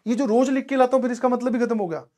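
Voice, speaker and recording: A man's voice: very high-pitched, fairly even intonation, rapid-fire, darkish tone. A young adult man, a teacher giving a motivational talk to his students in a conversational way, often checking that they have understood.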